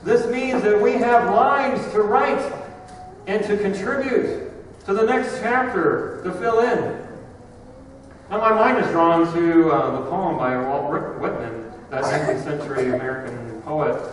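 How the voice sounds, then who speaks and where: A male pastor delivering a sermon, preaching dramatically with big swings in loudness. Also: sits high, measured pace, recorded from a distance, a little hiss or hum. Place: church sanctuary. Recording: echoey church recorded from afar.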